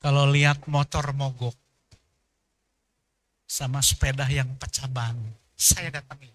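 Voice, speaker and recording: A male pastor, preaching a sermon in an animated storytelling manner and acting out the people in his stories. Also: medium pitch, a little slow.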